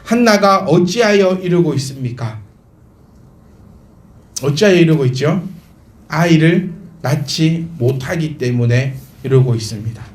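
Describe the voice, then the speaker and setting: A man's voice: fairly high pitch, lively intonation, a little slow, pauses often. A male pastor preaching a sermon to his congregation, emphatic and full of rhetorical questions. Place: church sanctuary. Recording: roomy church hall echo.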